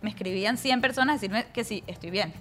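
A young Venezuelan woman with a Venezuelan accent, a guest in a casual interview, telling stories in animated, quick bursts. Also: mid-range voice, a little hiss or hum. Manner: animated storytelling, fast bursts. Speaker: guest speaker.

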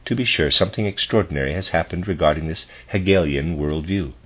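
A man with a husky voice reading a scholarly philosophy lecture aloud in a formal, deliberate, professorial manner. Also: sits low. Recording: dull lo-fi recording.

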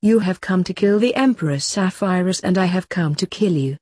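A stern, terse father who is secretly an assassin, read by a woman. He lectures and speaks darkly, in a husky, lowish voice. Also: fairly quick, mellow, dry recording, clean studio sound.

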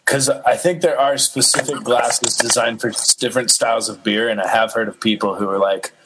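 A man's voice: medium pitch, steady tone, fairly quick, noisy background. A man hosting a podcast in casual chat, rambling with lots of fillers. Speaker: podcast host.

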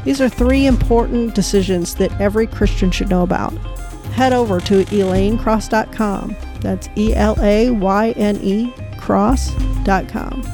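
A woman's voice: medium pitch, unhurried, music in the background. A woman hosting a devotional podcast, speaking in an earnest, prayerful way and narrating a children's story. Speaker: podcast host.

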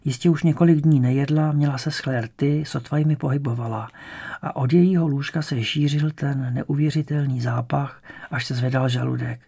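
Gravelly male audiobook narrator. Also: mid-range voice. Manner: calm, measured storytelling.

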